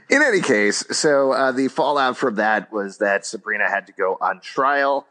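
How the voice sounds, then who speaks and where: A man's voice: medium pitch, expressive, a little slow, sharp tone. A man co-hosting a podcast in casual, joking chat, laughing often as he recaps an episode at length. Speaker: podcast co-host.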